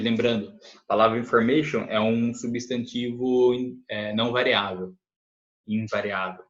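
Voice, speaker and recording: A man with a Brazilian Portuguese accent, teaching an English lesson, patiently explaining sentences, often adding "né?", reading examples slowly. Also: lowish voice. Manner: patient explanations, frequent "né?" tag questions. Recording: echoey room, dull lo-fi sound.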